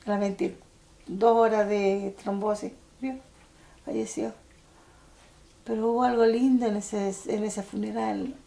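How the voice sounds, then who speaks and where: An older woman with a Chilean accent, recalling events in halting testimony with many restarts. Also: medium pitch, little pitch movement, gravelly, dark tone. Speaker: interviewee. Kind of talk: personal testimony for a documentary.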